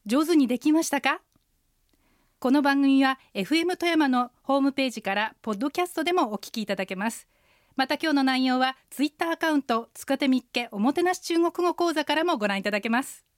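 A woman, an interpreter guide, teaching a radio language lesson, explaining phrases patiently and slowing down to model pronunciation. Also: high voice, animated, no room sound, studio quality. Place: radio studio.

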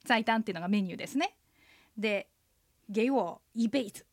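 A woman co-hosting a radio language lesson, explaining pronunciation clearly. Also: medium pitch, brisk, no echo, studio quality.

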